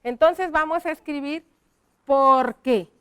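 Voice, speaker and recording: A woman's voice: high-pitched, animated, moderate pace, fairly bright tone. A woman teaching a televised primary lesson, patiently asking the children questions and praising their answers.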